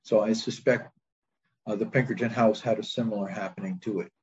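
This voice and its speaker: A man presenting a nomination and answering questions, hesitant and laughing softly between thoughts. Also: fairly low pitch, fairly even intonation, fairly quick, lo-fi sound, slight background noise. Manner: hesitant, frequent soft laughs.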